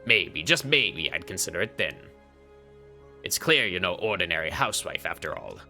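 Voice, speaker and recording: A man's voice: sits low, very animated, moderate pace, gravelly, pushed and bright, soft background music, voice pushed down, exaggerated voice. A man voicing a greedy, scheming man obsessed with mermaids and immortality, with a smug, taunting manner, as a streamer dubs a game.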